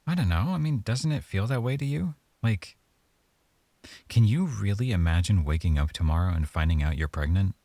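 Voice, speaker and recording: Playing a hesitant, affectionate young boyfriend for intimate ASMR, a man with a lowish voice speaks softly and thinks aloud in halting bursts. He comes across as unsure of himself, and the recording has no room sound.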